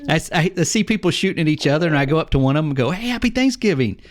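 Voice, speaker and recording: A man's voice: a little high, rapid-fire. Middle-aged man rambling about games. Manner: rambling, animated storytelling with acted-out quotes. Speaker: podcast co-host. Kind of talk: casual chat about video games.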